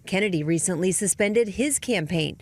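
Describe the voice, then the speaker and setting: A woman delivering a news report in a measured, formal manner. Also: fairly low pitch, no room sound.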